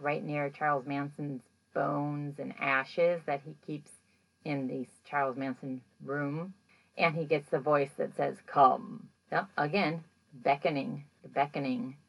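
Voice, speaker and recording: A woman's voice: sits low, gravelly, dull audio. A woman hosting a podcast, recapping a paranormal show in a casual, rambling way, with lots of "like" and "you know.". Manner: chatty, rambling, heavy use of "like" and "you know"; animated when acting out moments.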